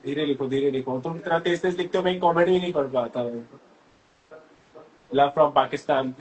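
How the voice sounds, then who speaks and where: A man's voice: on the high side, moderate pace, darkish tone, slight background noise, low-quality recording. A young man from North India hosting a casual phone live stream, reading fan comments aloud and answering them in a chatty way. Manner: chatty, mixes Hindi and English, reads comments aloud then answers them. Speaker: host of a social media live stream.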